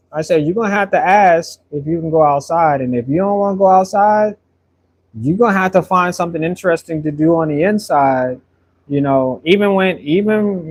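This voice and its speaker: A man in his thirties chatting casually while painting, answering viewers' comments in a rambling, friendly way and repeating words as he thinks. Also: a little high. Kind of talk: casual live-stream chat while painting.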